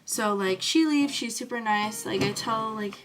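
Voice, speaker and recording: A woman vlogging casually about skincare, gushing and excitable, with "like" in almost every phrase. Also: a little high, a little slow. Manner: gushing, excitable, fills talk with "like". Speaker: beauty vlogger. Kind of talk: casual storytelling to camera.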